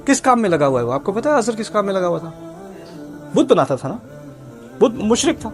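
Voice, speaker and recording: A man with a fairly high voice explains scripture like a patient teacher. He keeps asking his listeners questions, repeats the key words, and breaks into recited Arabic verses. Soft music plays faintly behind him. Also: big pitch swings. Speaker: Quran teacher. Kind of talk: Quran commentary lecture.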